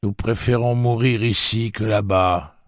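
A man reading an audiobook, voicing a stiff, haughty, butler-like man who panics easily, in a prim, shrill way. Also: steady tone, unhurried, a little hiss or hum, lightly acted. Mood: alarmed.

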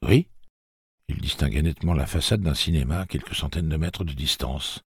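A man narrating an audiobook in a measured storytelling manner. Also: a bass voice, creaky, breathy edge, no room sound, clean studio sound. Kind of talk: scripted narration.

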